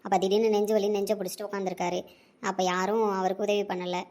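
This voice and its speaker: A woman's voice: mid-range voice, level tone, fast talker, darkish tone, lightly acted. A woman playing a grateful middle-aged wife who politely and patiently explains herself. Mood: explaining. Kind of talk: family drama acting.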